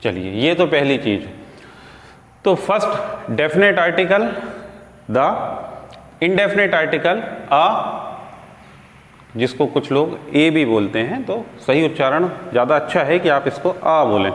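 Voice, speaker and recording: A man teaching an English grammar lesson, explaining rules step by step and repeating examples slowly. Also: a little high, big pitch swings, a bit bright. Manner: slow, drawn-out teaching delivery with repeated examples. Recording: echoey room with long reverb.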